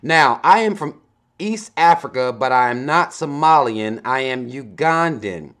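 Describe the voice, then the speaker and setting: A man in his thirties runs a casual advice vlog, reading viewer emails aloud and breaking in with his own commentary. He is blunt and relaxed, with plenty of swearing, and his voice sits at an everyday mid pitch. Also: measured pace. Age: 30s. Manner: laid-back, blunt, swears freely; adds commentary between lines he reads out. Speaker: advice vlogger.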